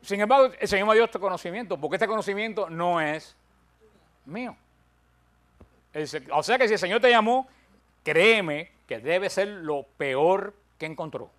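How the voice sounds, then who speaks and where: An older man leads a Bible study, his voice sitting a little high for a man. He stresses each point he counts off and slips into humorous stories that poke fun at himself. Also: normal speed, fairly bright tone. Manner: humorous, self-deprecating storytelling; emphatic, counts points aloud. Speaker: Bible teacher.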